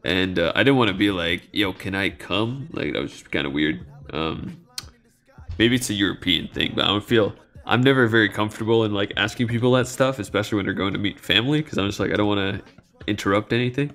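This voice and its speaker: A man's voice: on the low side, a little fast. Laid-back young Belgian-born man streaming. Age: 20s. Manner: relaxed and rambling, lots of fillers and soft laughs. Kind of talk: casual live-stream chat.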